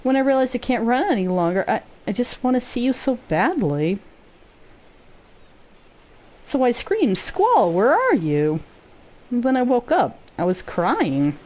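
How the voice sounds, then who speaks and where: A woman's voice: a little high, very animated, unhurried, pauses often, darkish tone. A woman voicing an earnest, emotional young woman, telling things in a heartfelt, wistful way.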